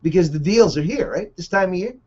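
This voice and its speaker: A man's voice: high voice, brisk, slightly rough, muffled recording. Rambling male radio talk host. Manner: rambling, excitable, chuckling storyteller. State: a little out of breath.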